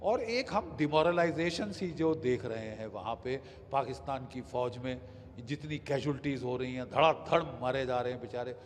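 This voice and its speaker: An older man giving emphatic news commentary as a defence expert, pausing with hesitations and mixing in English phrases. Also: medium pitch, in a large hall, slight background noise.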